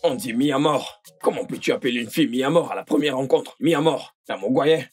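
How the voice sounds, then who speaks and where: A man's voice: mid-range voice, animated, fast talker, darkish tone, natural voice. A man dubbing, in French, the role of a bragging young villager who teases his friend. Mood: mocking. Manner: boastful and teasing. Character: boastful young village man, mocking joker. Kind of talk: French film dub. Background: background music.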